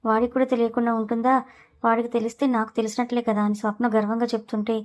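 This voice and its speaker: A woman narrator playing a playful, prying young friend in a storybook who teases with cheek. The lines come fast and level, in a slightly high voice. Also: flat delivery, lightly acted. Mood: teasing.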